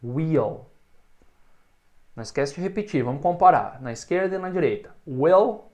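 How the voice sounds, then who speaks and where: A man with a Brazilian Portuguese accent teaching English pronunciation, modelling short words loudly and having the learner repeat after him. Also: fairly high pitch, lively intonation. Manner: slow, drawn-out modelling of words, stressed loud examples.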